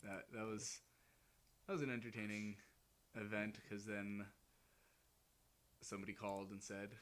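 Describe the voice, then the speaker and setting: A young man chatting casually as a podcast co-host, his voice bright and forward. He rambles, trails off and searches for words mid-sentence, over a faint hiss in the background. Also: on the low side, little pitch movement, normal speed. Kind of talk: casual chat.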